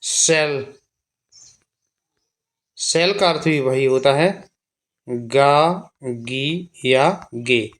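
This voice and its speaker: A man's voice: medium pitch, extremely slow, long pauses, fairly bright tone. A man teaching beginners to read English words in a Hindi accent, spelling each word letter by letter and repeating its meaning. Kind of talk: slow spelling and reading lesson.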